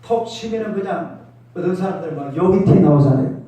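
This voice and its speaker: A man's voice: high voice, lively intonation, brisk, lo-fi sound, slight background noise. A male pastor preaching a sermon, emphatic, calling out to the congregation for responses. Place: church sanctuary. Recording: echoey church hall from far off.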